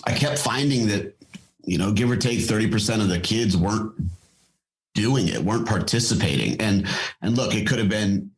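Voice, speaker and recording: A man's voice: on the low side, expressive, normal speed, rough recording. A middle-aged man, a guest on a podcast, talking casually and thoughtfully with lots of fillers and restarts. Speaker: podcast guest, fitness company founder. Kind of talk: casual interview talk.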